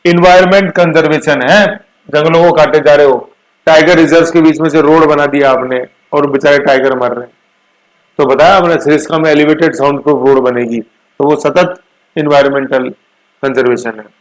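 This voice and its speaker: A male teacher delivers an exam coaching lecture on current affairs, sprinkling English terms into his explanations and stretching words out slowly to drill pronunciation and spelling. He talks to students with homely asides. His voice is fairly high with fairly even intonation, and the audio is poor.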